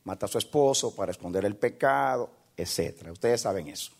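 A male pastor preaching a sermon with impassioned delivery, swinging from hushed passages to shouting. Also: on the low side, lively intonation, a little fast, gravelly, husky.

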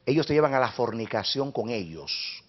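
A man preaching a sermon as pastor, impassioned, swinging between hushed passages and loud, rising preaching. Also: mid-range voice, very animated, normal speed. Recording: dull lo-fi recording.

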